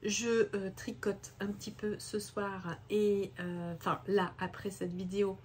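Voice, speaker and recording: A woman's voice: medium pitch, little pitch movement, measured pace, darkish tone, a little hiss or hum. A woman chatting casually about knitting and books in a rambling way, full of hesitations. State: hoarse from a head cold. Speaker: craft vlogger. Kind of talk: casual chat. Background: washing machine running.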